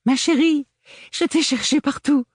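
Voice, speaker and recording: A man's voice: very high-pitched, measured pace, no echo, studio quality, pitched above the performer's own voice. A man voicing an effusive, coquettish young woman, the theatrical elder sister, in an audiobook. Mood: gushing, bossy. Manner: theatrical, gushing and bossy.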